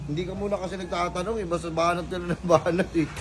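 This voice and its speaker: Fast-talking high-voiced man, defensive vendor. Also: steady tone, background noise. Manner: defensive, quick comebacks. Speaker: street vendor in a comedy skit. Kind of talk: comedic skit banter.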